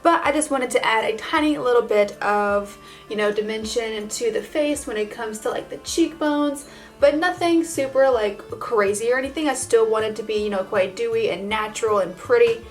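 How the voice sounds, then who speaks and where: A woman's voice: a little high, normal speed, soft background music. A woman vlogger talking casually to her viewers in a bubbly, gushing, informal way, as in a makeup tutorial. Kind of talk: casual chatty vlog tutorial addressed to viewers.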